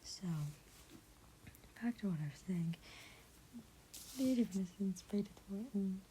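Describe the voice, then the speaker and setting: A woman reading a classic novel in a soft ASMR whisper, often stumbling over words, correcting herself and breaking off for chatty asides. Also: medium pitch, normal speed, slight background noise, rough recording. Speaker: ASMR book reader.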